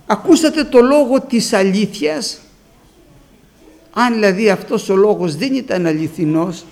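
An older man delivers a fervent sermon. His voice sits high and gravelly, and it swings widely as he repeats his phrases and keeps turning to his listeners as brothers. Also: darkish tone. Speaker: preacher. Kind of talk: Pentecostal sermon with personal testimony.

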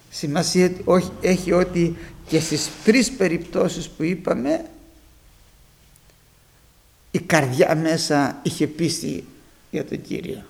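A man's voice: sits high, vocal fry. A male preacher addressing his congregation, retelling Bible stories and acting out the voices of the people in them. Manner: animated storytelling, acting out biblical voices. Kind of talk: sermon.

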